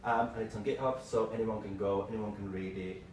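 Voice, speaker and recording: A man in his thirties giving an informal tech lightning talk in short, halting phrases. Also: on the low side, steady tone, darkish tone. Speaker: tech presenter, developer. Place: small meeting room, indoors. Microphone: far camera microphone. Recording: roomy, distant mic with clear background noise.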